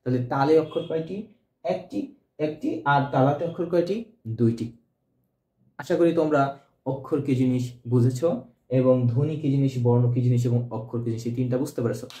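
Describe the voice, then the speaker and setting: A man's voice: medium pitch, brisk, mellow. A male teacher giving an exam-prep grammar lesson, asking questions and answering them himself. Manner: quizzing, answers own questions. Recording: echoey room.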